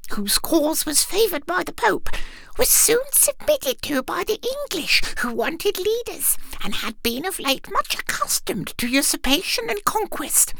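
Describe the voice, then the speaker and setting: Pompous little mouse lecturer, woman voicing, very high and lively. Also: unhurried, vocal fry, no room sound, full character voice, low-quality recording. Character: fussy, self-important male mouse lecturer.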